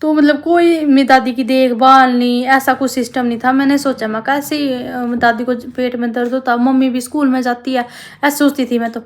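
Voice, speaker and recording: A woman's voice: high-pitched, fairly even intonation, brisk, a little hiss or hum. A woman, pouring out her story to her viewers in a rambling, heartfelt vlog. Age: 20s. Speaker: family vlogger. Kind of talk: confessional talk to camera.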